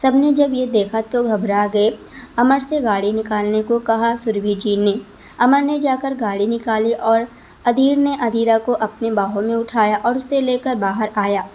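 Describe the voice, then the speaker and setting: A woman narrating a scripted story as a storyteller, in an even, expressive manner. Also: a little high, unhurried.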